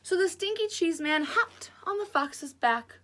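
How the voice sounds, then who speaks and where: A woman reading aloud as a storyteller, casual and chatty, with an enthusiastic, expressive delivery. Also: extremely high pitch, a little slow.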